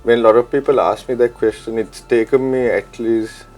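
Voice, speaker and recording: A man in his thirties from Sri Lanka, a chef and DJ, answering interview questions in a relaxed, reflective way with many ums and uhs, on a lapel mic in a studio. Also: mid-range voice, moderate pace, faint music behind. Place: studio set with pink backdrop.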